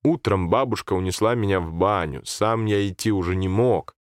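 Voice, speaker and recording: A man narrating a story aloud in a calm, steady reading voice. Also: deep voice, normal speed, dry recording, clean studio sound.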